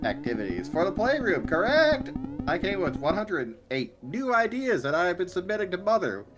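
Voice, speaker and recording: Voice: mid-range voice, huge pitch swings, moderate pace, music in the background. A player reading aloud the lines of an eager, upbeat caretaker of a child, cheerful and a little stilted. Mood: cheery. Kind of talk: reading game dialogue aloud.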